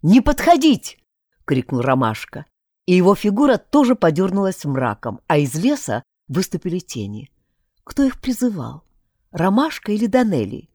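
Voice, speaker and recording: A woman's voice: lowish voice, sing-song, normal speed, a little mellow, no room sound, clean studio sound. A woman narrating a first-person fantasy audiobook expressively, switching voices for each character.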